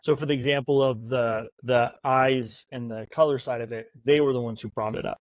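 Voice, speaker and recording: A man's voice: mid-range voice, fairly even intonation, a little fast, no echo. A male podcast host asking questions in a casual, rambling way, restarting as he goes.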